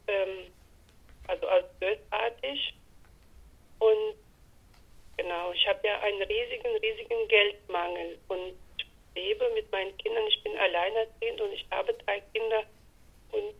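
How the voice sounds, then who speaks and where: A middle-aged woman on speakerphone, her voice choppy and muffled over a phone line, talking in a halting, hesitant way as she searches for words. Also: medium pitch, vocal fry, breathy edge. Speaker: caller seeking counsel. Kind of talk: personal consultation call.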